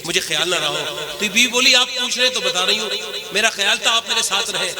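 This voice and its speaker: High-voiced man preaching to a crowd. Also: roomy sound. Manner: animated, swings to shouts, acts out quoted voices. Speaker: religious speaker. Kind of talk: storytelling sermon. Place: mosque gathering. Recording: live mosque crowd behind.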